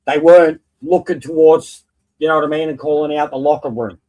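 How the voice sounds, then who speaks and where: A man's voice: fairly high pitch, fairly even intonation, a little fast, mellow, rough recording. Man, guest, casual sports and wrestling chat, blunt, slangy, sweary.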